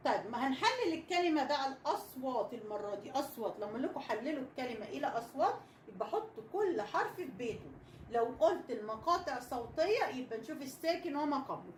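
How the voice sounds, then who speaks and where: A young Egyptian woman teaches children to read, sounding out letters slowly and repeating each one patiently. Her voice sits a little high. It rings in an echoey room with a faint hiss underneath. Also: very animated. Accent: Egyptian Arabic. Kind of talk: children's reading lesson.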